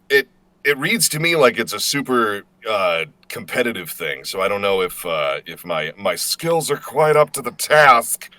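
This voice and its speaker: A voice actor from Indiana in the United States chats casually as a guest, coming across as self-deprecating and slightly hesitant. This American man has a medium-pitched voice that sounds pushed and bright, and the recording is dry.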